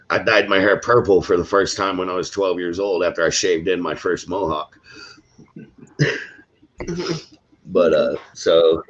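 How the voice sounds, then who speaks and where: A man's voice: low voice, fairly bright tone. A man in his forties, co-hosting a livestream, telling a long story in casual chat with many restarts. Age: 40s. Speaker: co-host of a livestream. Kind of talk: casual chat on a video call. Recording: dull lo-fi stream audio.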